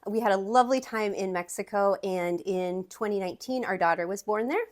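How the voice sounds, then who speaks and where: An immigration attorney in her thirties from the American Midwest talks directly to camera in a Wisconsin accent, chatty and upbeat. She speaks fairly quickly with a mid-range pitch for a woman, restarting with "okay" and "um" along the way.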